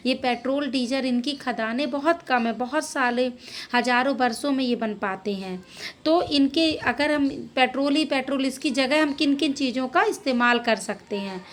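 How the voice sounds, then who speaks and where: A woman teacher with a high-sitting voice leads a school geography lesson, reading out each question and answer, then restating it in simple terms.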